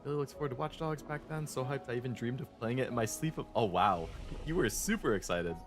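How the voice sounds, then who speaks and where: A man's voice: mid-range voice, quick pace. A man giving casual, amused gameplay commentary and chat as a streamer. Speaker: video game streamer. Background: game music.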